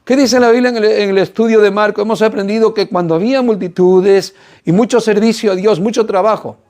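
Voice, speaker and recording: A man's voice: high-pitched, brisk, a little mellow. A man preaching a sermon in an earnest way, often putting rhetorical questions to his listeners.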